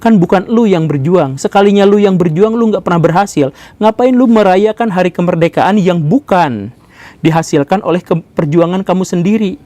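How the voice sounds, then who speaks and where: A man's voice: sits high, moderate pace, mellow, no echo, lightly acted. A man voicing an indignant, boastful Japanese man who scolds and lectures with rhetorical questions. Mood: scolding.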